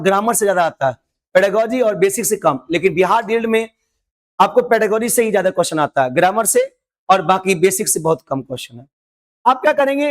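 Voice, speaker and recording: A man who teaches an online exam-prep lesson. He explains things over and over in a coaxing way and mixes English terms into his talk. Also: high-pitched.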